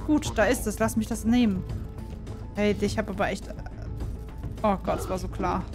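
A woman doing casual gameplay commentary, excitable and quick to yelp in alarm, who also reads the game's dialogue aloud. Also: mid-range voice, over music. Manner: excitable, frequent startled exclamations. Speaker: let's play gamer.

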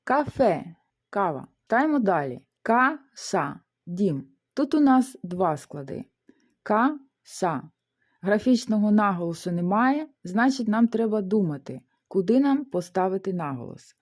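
A woman teaching a beginner language lesson, explaining rules step by step and sounding out syllables slowly. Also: medium pitch, sing-song, darkish tone. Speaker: Spanish teacher.

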